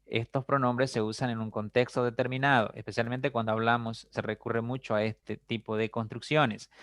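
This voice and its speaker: A man's voice: medium pitch, flat delivery, moderate pace, a bit bright, dry recording. Guy teaching a grammar class, patient, keeps asking "ya?", dry close mic. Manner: explains patiently, checks in with frequent "¿ya?" and "¿no?", repeats examples. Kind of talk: recorded grammar lesson.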